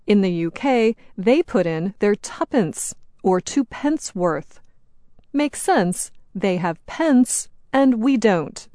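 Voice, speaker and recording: A middle-aged woman with an American accent reads an educational script at an unhurried, careful pace. Her voice sits in a middle register, and every word comes through clearly. The recording is close and dry, with no room sound. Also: mid-range voice, darkish tone, dry recording. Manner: slow, clear and deliberate. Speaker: program host.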